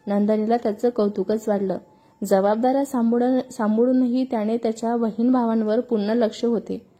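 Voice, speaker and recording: A woman narrating a scripted story with a steady, expressive reading. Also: fairly high pitch, moderate pace.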